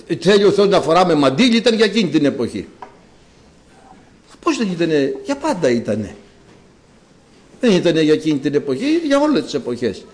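A man preaching a sermon to his congregation, emphatic, with loud exclamations and quiet asides, and slow, solemn readings of scripture. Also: sits high. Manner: reads scripture slowly and solemnly.

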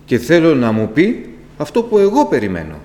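A man preaching a sermon to his congregation, impassioned, with sudden rises in pitch and volume, asking rhetorical questions and speaking to them directly. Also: wildly swooping pitch, darkish tone. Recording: long reverb with faint electrical hum.

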